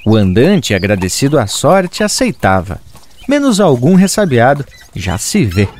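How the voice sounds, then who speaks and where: A man narrating a regional folk tale in an expressive, rhythmic way. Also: medium pitch, measured pace, a little hiss or hum. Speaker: storyteller.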